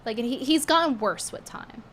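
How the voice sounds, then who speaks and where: Her voice is a little high and a bit bright, moving at normal speed, though a cold makes it strained and effortful. She's a streamer in a casual livestream chat, blunt, scornful and chatty as she reads tips aloud, with a little hiss or hum behind her.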